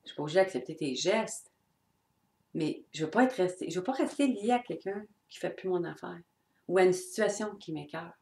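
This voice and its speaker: Québécois lady talking straight from the heart, kinda low voice, swears a bit, echoey room. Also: brisk, creaky, warm tone. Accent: Québécois French. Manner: blunt and earnest, with swearing and mimicked voices. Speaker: personal growth speaker. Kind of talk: unscripted heartfelt talk to viewers.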